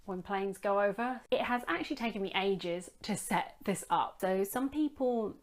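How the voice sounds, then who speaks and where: A woman's voice: medium pitch, normal speed. A woman from England vlogging casually from home into her phone's front camera, rambling and self-deprecating with a wry humour. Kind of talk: casual chatty vlog. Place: home room with daylight.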